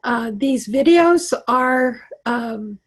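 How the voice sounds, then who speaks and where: This Wyoming woman, middle-aged, is a computer coach talking through a live online tech class on a video call's computer mic. Her fairly high, expressive voice moves extremely slowly with a breathy edge, and her Western American accent has a slight Southern lean. She stays reassuring while filling her speech with fillers and false starts.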